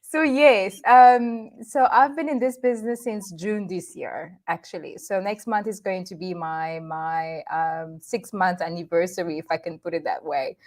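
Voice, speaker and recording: A woman's voice: lowish voice, fairly even intonation, a little slow, few pauses. A woman in her thirties from Rwanda, a guest chatting cheerfully on a video call, laughing often and restarting her sentences. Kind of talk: casual interview chat.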